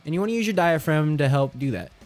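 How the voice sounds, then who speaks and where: A man with a fairly high, very animated voice coaches singers in screaming. He talks informally and encouragingly, as if chatting to viewers. Music plays behind him. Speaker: vocal coach in metal screaming. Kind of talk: casual instructional talk to viewers.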